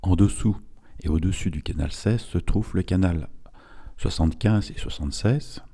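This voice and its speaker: A man's voice: sits low, normal speed, mellow, breathy edge. A man reading a scripted instructional narration in a didactic, step-by-step way, as an instructor would.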